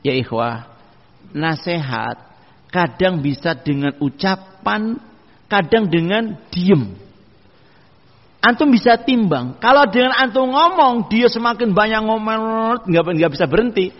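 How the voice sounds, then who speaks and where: A male preacher delivers a sermon, his voice pitched high for a man. He gives homely advice and drops in Arabic quotes. The recording sounds dull, with a long hall echo. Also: lively intonation, a little slow.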